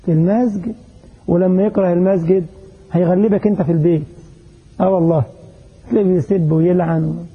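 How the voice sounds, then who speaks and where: In a muffled recording, a middle-aged man with an Egyptian Arabic accent preaches a mosque sermon in a high, husky voice. He tells stories and puts rhetorical questions to the congregation with emphasis.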